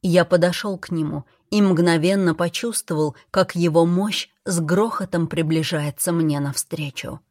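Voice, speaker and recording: Brief: woman narrator, low voice, measured first-person audiobook read, dry close sound. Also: darkish tone, dry recording.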